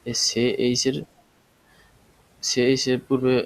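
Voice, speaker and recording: A man's voice: medium pitch, completely flat delivery, slow, poor audio. A man teaching a language class, explaining step by step and answering his own questions. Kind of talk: spoken language lesson.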